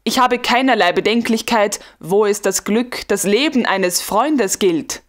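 A woman reading the lines of a smug, carefree young male guard lieutenant in an audiobook, calm and teasing. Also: sits high, a little slow. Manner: calm, self-satisfied, teasing. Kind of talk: audiobook dialogue.

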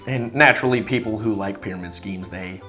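A woman playing a deadpan, earnest conspiracy-theorist saleswoman in a comedy sketch, with a low voice. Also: a little fast, soft background music.

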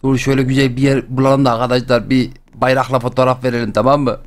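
A young man hosting a game channel, chatting and joking excitedly as he plays. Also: mid-range voice, quick pace. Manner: chatty, excitable, jokes and exclamations. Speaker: gaming channel host. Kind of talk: playful let's-play commentary.

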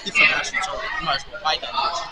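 A man's voice: quick pace, heavy background noise. A young man chatting casually, blunt and slangy. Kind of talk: casual chat. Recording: off-mic in a loud crowd.

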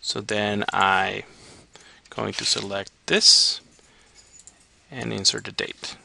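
A man narrating a step-by-step software tutorial as the instructor. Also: on the low side, fairly even intonation, slow pace, creaky, a little hiss or hum. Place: voice-over on a screen recording.

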